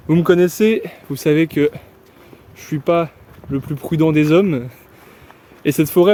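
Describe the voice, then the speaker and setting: A man's voice: fairly high pitch, a little mellow. A young man vlogging casually as he walks through a forest, rambling in a chatty, upbeat way. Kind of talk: casual walking vlog. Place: outdoors in a forest.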